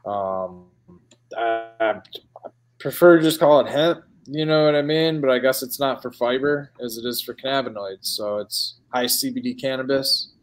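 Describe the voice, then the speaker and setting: A man's voice: mid-range voice, moderate pace. A man with a Midwestern American accent talks loosely in a casual podcast chat, trailing off and restarting as he goes. His voice sits in an ordinary middle register, and he keeps dropping dude and man into his sentences. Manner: rambling, filler-heavy, calls people dude and man.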